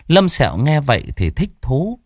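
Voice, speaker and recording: A man narrating a ghost story with a lively, theatrical delivery. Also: on the high side, normal speed, no room sound, clean studio sound.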